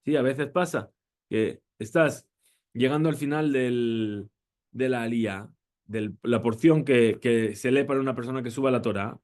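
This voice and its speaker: A man teaching a Torah lesson. He reads Hebrew lines quickly and translates each one, then explains step by step with short phrases and rhetorical questions. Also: mid-range voice, steady tone, darkish tone. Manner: speaks in short phrases, fills with "eh" and "¿sí?". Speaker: rabbi teaching.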